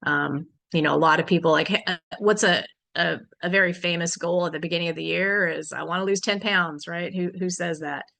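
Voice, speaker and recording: A woman with a fairly low voice leads a farm business workshop. She talks frankly and casually, full of fillers and restarts as she explains her points. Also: steady tone, brisk, vocal fry, hardly any pauses, bright, forceful tone. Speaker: workshop instructor. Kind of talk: conversational farm business lesson.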